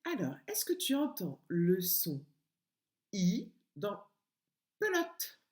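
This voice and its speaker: A woman teaching a home-schooling lesson to young children, speaking slowly and stretching out sounds in a sing-song way. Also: mid-range voice, wildly swooping pitch. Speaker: kindergarten teacher. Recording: echoey room.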